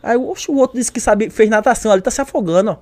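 A young man from tells a story at a rapid clip in a high voice, slipping into other people's voices. His is strong and his slang is loose. The recording is dry and close. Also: no room sound. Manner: animated, acts out voices, lots of slang. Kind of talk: casual storytelling.

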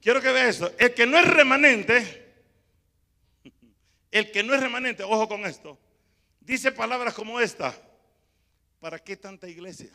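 A pastor preaching a sermon in a church, emphatic and calling out to the congregation, at times rising to shouts. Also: male voice, very high voice, normal speed, vocal fry, long pauses, in a large hall.

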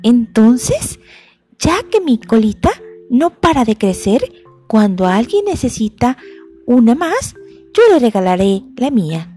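A woman doing a little girl lizard, high and pleading. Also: animated, slow pace, dark tone, soft background music. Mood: overjoyed. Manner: pleading, sweet and childlike. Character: small young girl lizard who lost her tail, polite and hopeful.

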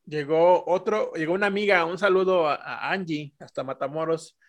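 A man with a Mexican accent spins crude, slang-packed anecdotes in a loose podcast chat. He slips into the voices of the people in his stories. His voice sits a little on the high side. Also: normal speed. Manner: crude slangy storytelling, acting out voices of others. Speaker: podcast guest storyteller.

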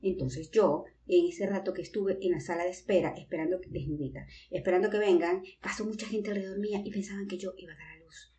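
An Ecuadorian woman telling family stories in a casual chat with her sister, animated and acting out the voices of the people in her stories. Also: lowish voice, quick pace, hardly any pauses. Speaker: podcast co-host. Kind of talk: casual storytelling between sisters.

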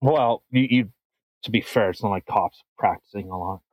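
A man's voice: on the low side, normal speed, darkish tone, dry recording. A man co-hosting a podcast, talking in a casual, sarcastic, profane way with frequent restarts. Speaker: podcast co-host. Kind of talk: casual comedic chat.

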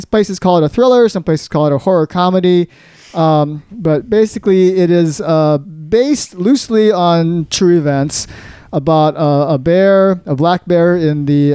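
A man's voice: a little high, a little slow, warm tone, smooth, dry recording, studio quality. A man co-hosting a casual podcast chat, rambling with lots of fillers and frequent laughs. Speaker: podcast co-host.

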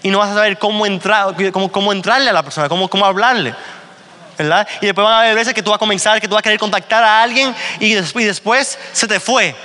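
A man's voice: sits high, fast talker, pushed and bright. A man giving a motivational talk at a business meeting, telling stories and often checking in with his listeners. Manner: storytelling, often asks "¿verdad?". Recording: long hall reverb.

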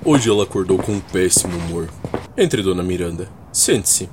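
A man's voice: deep voice, expressive, moderate pace. A man playing a sly, teasing, flippant vampire in a radio soap opera. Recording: noisy recording.

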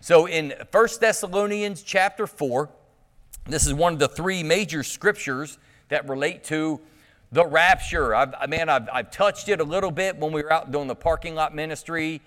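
Guy preaching at the pulpit mic, kinda high voice, chatty and joking, big church reverb. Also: moderate pace. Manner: animated and joking, teasing the congregation, with frequent restarts. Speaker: pastor. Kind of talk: casual, conversational preaching. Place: church sanctuary. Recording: long church hall reverb.

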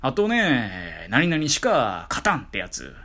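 A man's voice: mid-range voice, wildly swooping pitch, slow pace, pushed and bright. A man with a Kansai accent talking alone in a casual monologue, making sardonic, ranting asides about phrases that bother him. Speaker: solo talk streamer.

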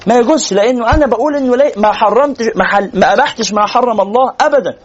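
A man with an Egyptian accent giving a religious lecture in a conversational, animated way, teasing and asking rhetorical questions. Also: extremely high pitch, rapid-fire, muffled recording, a little hiss or hum. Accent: Egyptian Arabic. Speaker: sheikh lecturer.

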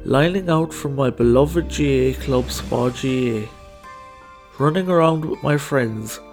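A man's voice: medium pitch, a little mellow. A young adult man with a Kerry Irish accent, reading a scripted first-person documentary narration over music. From Ireland. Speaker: documentary narrator telling own story.

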